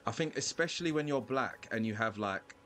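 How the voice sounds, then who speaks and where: A man's voice: mid-range voice, animated, a little fast, a bit bright, a little hiss or hum. Chatty London man streaming a game. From London, England. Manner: chatty, rambling, uses London slang. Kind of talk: casual gaming live-stream chat.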